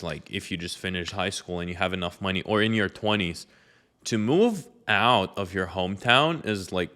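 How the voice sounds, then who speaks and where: This young Lithuanian man speaks to the camera casually about his life and hands out advice, his talk loose and full of fillers. His voice sits on the low side with a sharp tone.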